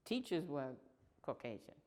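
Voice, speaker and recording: A woman in her sixties from Long Island, New York, giving plain, unhurried answers in an oral history interview that trail off quietly. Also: low-pitched, big pitch swings. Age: 60s. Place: indoor room in downtown New York.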